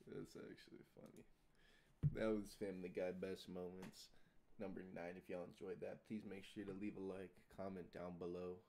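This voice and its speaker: Deep, flat-voiced man signing off. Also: moderate pace, creaky, slight background noise. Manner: laid-back, drawling sign-off. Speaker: reaction video host. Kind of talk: casual video outro.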